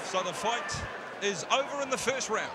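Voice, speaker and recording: A man with a New Zealand accent giving excitable, punchy live boxing commentary. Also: high-pitched, moderate pace. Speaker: fight commentator. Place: large indoor arena. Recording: loud crowd and arena noise.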